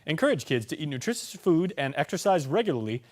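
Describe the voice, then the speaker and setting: Animated male news anchor, higher-pitched. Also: fast. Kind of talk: scripted news reading.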